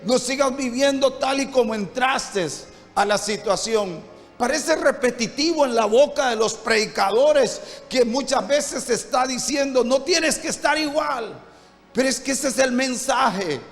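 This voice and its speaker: A Honduran man preaches with a very high, slow voice. He builds fervent runs of repeated phrases and rhetorical questions. His voice carries a long church-hall reverb over faint music. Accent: Honduran Spanish. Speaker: pastor. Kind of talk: sermon.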